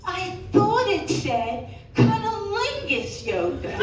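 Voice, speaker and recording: An older woman does a bawdy, self-deprecating live stand-up routine in a small indoor cat cafe room with an audience, her voice extremely high and sing-song. Her delivery is punchy with drawn-out pauses. A camera in the audience captured her handheld mic from a distance, so the sound is roomy and echoey, with some room noise.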